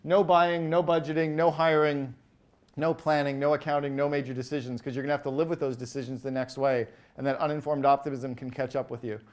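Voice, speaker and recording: A man speaks from a stage to a live audience, his voice sitting a little high for a man. He talks with lively energy, throws short questions at the crowd and runs through rapid lists of examples. His delivery is that of a seasoned keynote speaker. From Canada. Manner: animated, asks the audience quick questions, acts out quoted voices.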